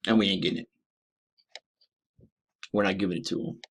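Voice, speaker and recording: A low-voiced man from the U.S., a military veteran, talks a little fast with fairly even intonation. His ranting monologue is full of profanity and emphasis, and he calls his listeners ladies and gentlemen.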